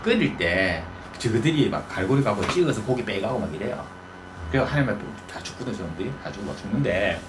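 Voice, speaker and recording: A man's voice: on the low side, sing-song, fast talker, noisy background. A male pastor preaching in a folksy storytelling manner, often asking the congregation questions. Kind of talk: conversational sermon.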